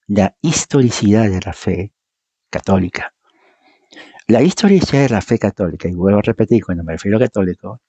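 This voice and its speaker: Preacher, male, emphatic and argumentative, mellow husky tone. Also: lowish voice, no echo. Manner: emphatic, argumentative, repeats points, mimics others. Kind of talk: informal teaching sermon. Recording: dull, muffled dry sound.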